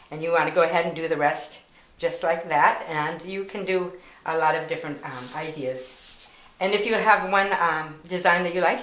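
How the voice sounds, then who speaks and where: A woman's voice: fairly low pitch, a bit bright. A woman giving patient, step-by-step instructions for a card-making craft, with plain wording and small fillers. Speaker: volunteer instructor. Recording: echoey room with faint noise.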